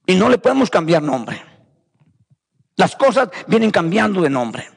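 A man's voice: high voice, sing-song, measured pace, vocal fry, slightly rough, long reverb tail. A man preaching a fervent sermon, repeating phrases and calling his listeners brothers. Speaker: pastor.

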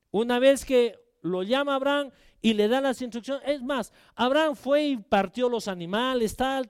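A man's voice: very high voice, clear, resonant tone, no echo, studio quality. An older man, a pastor, preaching a sermon in a conversational way, asking rhetorical questions and acting out quotes.

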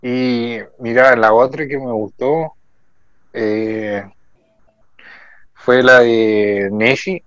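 Young man, laid-back casual chat, soft delivery, dry close recording. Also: mid-range voice, fairly even intonation, very slow, long pauses, no echo, muffled recording.

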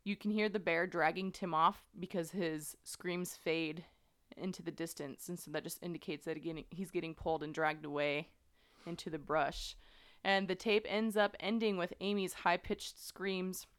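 Woman podcast host, lowish clear voice, chatty true-crime retelling. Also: fairly even intonation, moderate pace. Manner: conversational, many fillers, earnest. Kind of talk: casual true-crime storytelling.

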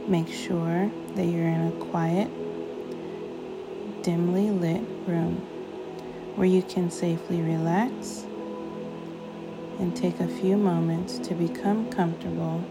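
Slow, soothing woman narrating sleep meditation. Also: fairly low pitch, fairly even intonation, poor audio. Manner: soothing, unhurried, with long pauses between short phrases. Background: music.

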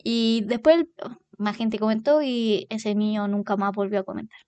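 A young woman in her twenties with a Chilean accent, telling stories in a casual, animated monologue and swearing freely. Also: a little high, moderate pace, clean tone, dry recording. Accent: Chilean Spanish. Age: 20s. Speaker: podcast host.

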